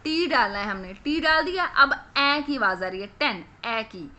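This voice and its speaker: A young woman with a Punjabi accent teaching children phonics, asking questions and repeating each answer slowly. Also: high voice, expressive, bright, forceful tone, muffled recording.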